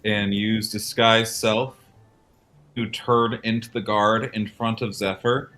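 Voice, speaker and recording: A man's voice: lowish voice, slow pace. A man playing a tabletop game, casually describing what his character does. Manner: relaxed, describing actions. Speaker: player.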